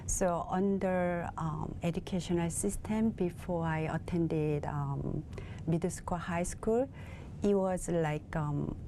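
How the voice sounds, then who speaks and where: A woman from South Korea, a native Korean speaker with a Korean accent, answers questions as a TV interview guest, speaking in a measured way as she searches for words in English. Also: on the low side, steady tone, mellow, slight background noise. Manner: measured, searching for words in her second language. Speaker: guest, bilingual facilitator.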